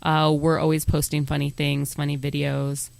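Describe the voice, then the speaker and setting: A woman's voice: low-pitched, monotone, moderate pace, creaky, darkish tone, no echo. A woman co-hosting a podcast, chatting casually and running through the show plugs in a brash, joking way. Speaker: podcast co-host.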